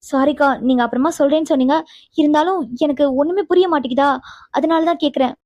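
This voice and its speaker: Woman voicing a caring, quick-talking cartoon heroine. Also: high-pitched, dry recording, close to an everyday voice. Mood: reassuring. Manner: reassuring, curious, lively. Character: young woman, caring, reassuring younger sister. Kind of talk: animated cartoon dialogue.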